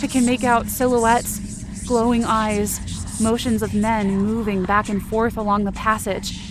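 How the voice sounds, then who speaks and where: With a slightly high voice, a level tone, and a measured pace, a woman performs suspenseful, intense first-person fiction narration from a script. Dramatic background music forms a bed under her words.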